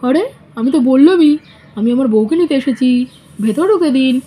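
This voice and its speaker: A woman's voice: high voice, lively intonation, moderate pace, dark tone, husky, rough recording. A woman voicing a cheeky young man who comes to fetch his bride in a doll vlog drama, talking in a teasing, playful way. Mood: indignant.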